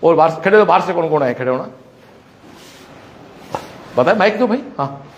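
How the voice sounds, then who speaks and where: Walking the classrooms and corridors of his school, the founder of a coaching institute chats with students and addresses the camera in a live vlog. He speaks at a moderate pace in an animated, somewhat high voice. The highs are cut off and there's a little hiss or hum.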